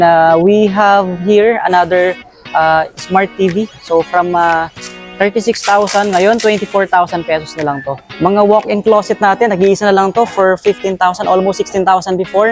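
A Filipino man with a Filipino accent, walking through a large indoor warehouse sale with a handheld phone camera, listing items and prices and often tagging sentences with a quick "no?". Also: high-pitched. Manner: lists items and prices with frequent "no?" tags. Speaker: vlogger touring a warehouse sale. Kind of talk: walk-through shopping vlog.

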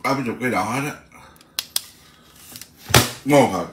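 A man's voice: mid-range voice, takes it slowly, far from the mic. A middle-aged man in casual, rambling conversation, repeating his words as he talks. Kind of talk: casual chat. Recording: roomy, off-mic with faint noise.

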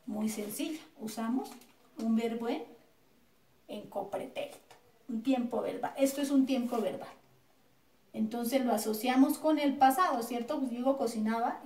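A woman's voice: a little high, a little mellow, far from the mic. A woman teacher with a Colombian accent giving a recorded grammar lesson in a classroom, speaking patiently, repeating words and checking with her students. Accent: Colombian Spanish. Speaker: schoolteacher. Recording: echoey room, voice off-mic.

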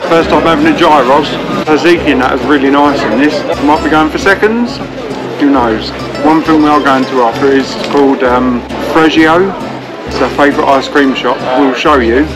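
Casual male vlogger, outdoors with a handheld camera, loud background music. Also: on the high side, moderate pace, low-quality recording. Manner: chatty, blunt, swears casually. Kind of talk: casual travel vlog. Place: outdoors in a town street.

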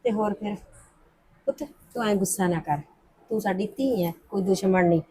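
A woman's voice: medium pitch, moderate pace, mellow, breathy edge, natural voice. An actress playing a middle-aged mother who soothes and pleads with her daughter, speaking. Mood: soothing. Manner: soothing, pleading, says "puttar" a lot. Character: soothing middle-aged mother smoothing over family quarrels. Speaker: the heroine's mother.

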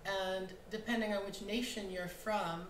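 A woman's voice: mid-range voice, steady tone, unhurried. Woman, playwright, panel talk, emphatic, reflective, roomy stage sound, faint background noise. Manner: thoughtful, emphatic, often asks "right?". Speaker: playwright and producer. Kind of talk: panel discussion. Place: small theater stage, indoors.

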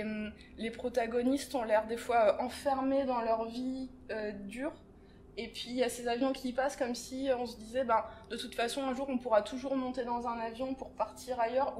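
A woman recommending a comic book in a library video, thoughtful and pausing on fillers. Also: fairly high pitch, steady tone, a little hiss or hum. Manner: warm, thoughtful, hesitant with fillers. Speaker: library presenter. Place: library, indoors.

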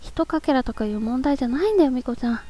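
A woman's voice: sits high, racing, mellow. A woman reading the lines of a fussy young male assistant in a game, whiny and insistent.

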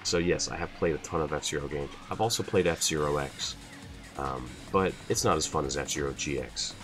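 A man's voice: rumbling low, normal speed, over music. A young man hosting his channel, answering viewer questions in a loose, rambling way with lots of fillers. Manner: rambling, many fillers, laughs at himself. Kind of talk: casual Q&A chat.

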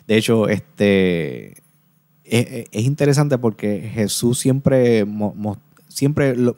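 This male podcast host has a medium-pitched, slightly mellow voice. Talking through a book review, he sounds earnest and relaxed, often going back over words and starting again.

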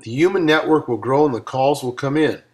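A man's voice: medium pitch, fairly quick, a little mellow. A man reading his own audiobook aloud in an upbeat, motivational coaching manner, with casual asides. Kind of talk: self-read audiobook narration.

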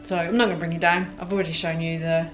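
A woman's voice: lowish voice, little pitch movement, fast talker, music in the background, low-quality recording. A young woman chatting through a casual travel vlog on a handheld phone, full of ums as she goes, in a hotel buffet and then an airport terminal. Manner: chatty, hesitant with frequent ums. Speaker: travel vlogger. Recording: clear background noise.

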